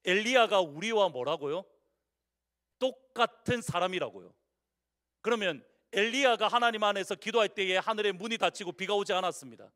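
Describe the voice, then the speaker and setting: A male pastor with a Busan accent preaching a sermon, putting questions to the congregation and swinging from loud declarations to hushed endings. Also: high-pitched, expressive, moderate pace. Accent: Busan Korean. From Busan, South Korea. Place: church sanctuary.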